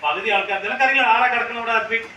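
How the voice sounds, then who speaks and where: A woman's voice: on the high side, rapid-fire, muffled recording, heavy background noise. A woman preschool teacher leading a classroom activity with small children, coaxing them with repeated questions and English phrases. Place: classroom, indoors. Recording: echoey room from far off.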